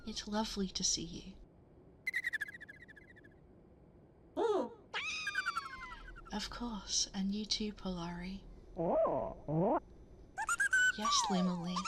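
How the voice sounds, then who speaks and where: In an ASMR bedtime roleplay, a woman plays a gentle, motherly, ageless cosmic princess, speaking tenderly and reassuringly, often in a breathy half-whisper. Her mid-range voice sounds warm and glad, recorded close up on a binaural 3Dio microphone. The audio is very noisy.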